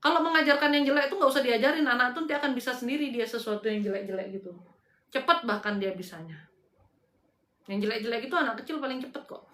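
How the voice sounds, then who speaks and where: A woman's voice: on the high side, fast talker, fairly bright tone, echoey room. A woman hosting a live spiritual advice talk, exhorting her listeners directly in a casual, slangy way. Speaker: host and spiritual counselor.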